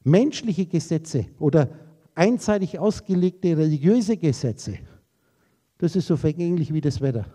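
This is a man lecturing to a live audience, his voice pitched high yet dark and mellow in tone. He rambles through associative wordplay and speaks to his listeners directly and casually. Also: lively intonation, measured pace. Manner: addresses listeners directly and informally. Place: lecture room.

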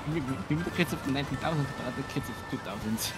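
A man's voice: mid-range voice, fast. A man joining a gaming stream, chatting casually and teasing the host. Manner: teasing, playful. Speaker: guest co-player. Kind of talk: casual chat while gaming. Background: background game music.

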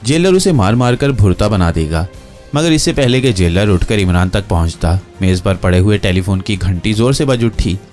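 Man reading a novel out loud, lowish voice, faint music in the back. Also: moderate pace. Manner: steady storytelling, voices all characters. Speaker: audiobook narrator. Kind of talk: scripted novel narration.

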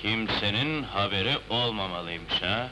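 An actor playing a grave, commanding leader in an old Turkish historical film. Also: male voice, lowish voice, animated, measured pace. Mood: grave, resolute. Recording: noisy old film soundtrack.

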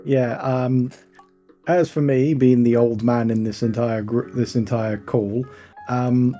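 A man's voice: medium pitch, steady tone, slow, warm tone, faint music behind. A man in his thirties, a guest in a casual chat, easygoing and rambling with frequent chuckles. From England. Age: 30s.

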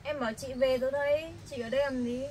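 A woman's voice: high voice, fairly even intonation, fast, a little mellow, far from the mic, a little hiss or hum, natural voice. A woman playing a weary young woman who keeps pleading, exasperated, for her sister to go home. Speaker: actor in a family skit.

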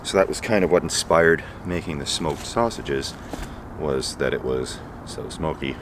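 A man's voice: very deep voice, unhurried, background noise. A man in his forties filming a casual camping vlog outdoors in the woods, talking to a nearby camera with dry, wry asides. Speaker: camping vlogger. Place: woods at night and morning, outdoors.

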